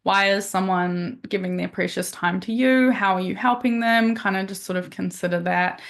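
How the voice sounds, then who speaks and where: A woman's voice: mid-range voice, moderate pace. A woman podcast host giving a casual webinar over a video call, chatty and upbeat, with plenty of fillers and restarts.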